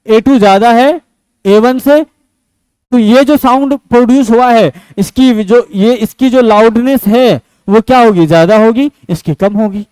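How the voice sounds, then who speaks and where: High, clear-voiced male teacher. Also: a little slow, no echo, rough recording. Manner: asks and answers his own questions; switches between loud and soft speech. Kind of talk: classroom physics lecture.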